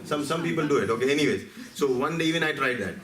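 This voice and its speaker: A man's voice: mid-range voice, lively intonation, rapid-fire. A man from India, giving a seminar talk and telling stories to a live audience, asking them questions as he goes. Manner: storytelling, asks the audience questions, acts out his cells. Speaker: seminar speaker. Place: meeting hall. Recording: roomy hall from a distance, faint ambience.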